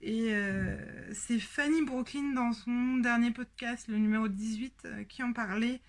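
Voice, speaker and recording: A woman with a French accent hosting a casual sewing show-and-tell, talking with many pauses and fillers. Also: fairly high pitch, fairly even intonation. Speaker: sewing podcast host.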